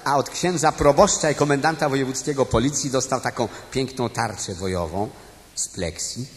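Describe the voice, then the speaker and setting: A man's voice: mid-range voice, normal speed. Man telling a cabaret monologue on stage. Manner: addresses audience directly, chatty storytelling with tag questions. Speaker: cabaret performer. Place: stage before a live audience. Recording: live stage recording with long hall reverb and music.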